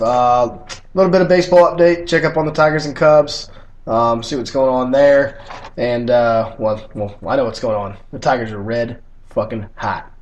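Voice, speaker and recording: A young man hosting a casual sports podcast, blunt and teasing, swearing freely as he talks. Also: mid-range voice. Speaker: podcast host.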